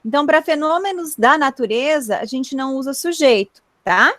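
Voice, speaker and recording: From home, a woman teaches a grammar lesson over an online video class, her voice picked up by a computer mic on the call with no room sound. She sits high in pitch with lively intonation and a fairly bright tone at normal speed, explaining patiently and checking in with students often.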